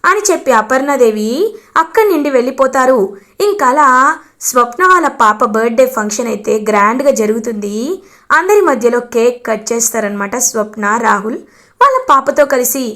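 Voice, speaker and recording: High-voiced woman retelling a story. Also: lively intonation, a little fast, sharp tone. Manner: chatty, with repeated filler phrases.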